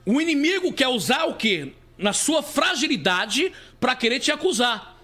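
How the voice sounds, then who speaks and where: A man's voice: very high-pitched, sing-song, normal speed, sharp tone, soft background music. A man with a Brazilian Portuguese accent, a bishop giving a live preaching testimony, repeating himself and calling listeners beloved. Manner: repetitive, calls listeners "beloved", many restarts.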